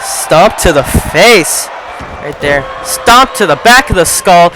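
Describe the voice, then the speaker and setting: High-voiced man shouting wrestling play-by-play. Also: expressive. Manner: fast play-by-play, often shouting. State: losing his voice. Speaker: play-by-play commentator. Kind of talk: video game wrestling commentary. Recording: crowd noise and game sound behind.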